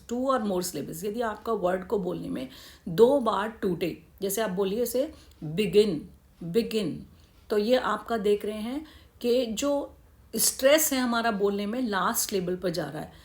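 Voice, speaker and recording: A woman teaching English grammar in Hindi, explaining step by step with rhetorical questions and slowly spelled-out English examples. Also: medium pitch.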